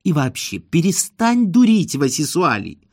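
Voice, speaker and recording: A man reading an audiobook and voicing a cold, impatient wife who answers in curt, dismissive, flat lines. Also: a little high, measured pace.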